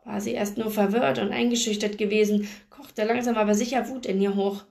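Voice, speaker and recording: A woman reading a novel aloud in a steady, expressive way. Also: mid-range voice, fairly quick, gravelly. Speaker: book reader.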